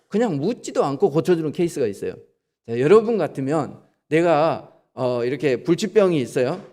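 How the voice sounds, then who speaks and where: A man's voice: a little high, darkish tone, long reverb tail. A male pastor giving a sermon in a church, talking conversationally, asking the congregation questions and acting out quoted lines. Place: church sanctuary.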